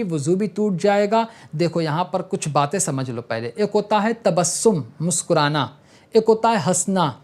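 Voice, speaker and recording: Male religious teacher, numbered rules, emphatic reminders to pay attention. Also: high-pitched. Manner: explains point by point, checks in with repeated okay; emphatic reminders to listen carefully. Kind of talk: instructional lesson on prayer rules.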